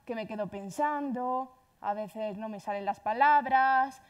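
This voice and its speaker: Fast-talking Andalusian woman giving a talk. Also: a little high, muffled recording. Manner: fast, chatty, self-deprecating. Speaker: speaker at a tech conference. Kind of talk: conference talk.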